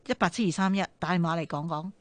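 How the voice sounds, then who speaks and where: Measured Hong Kong woman hosting radio. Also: lowish voice, dry recording. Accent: Hong Kong Cantonese. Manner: measured, sums up callers' points. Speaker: radio talk show host. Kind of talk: phone-in show hosting.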